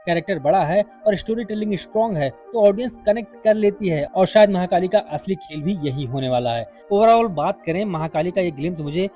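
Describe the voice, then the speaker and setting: High-voiced man reviewing a film trailer. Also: expressive, brisk, few pauses, warm tone, faint music behind. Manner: chatty, addresses viewers as brother and friend. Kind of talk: casual spoken film review.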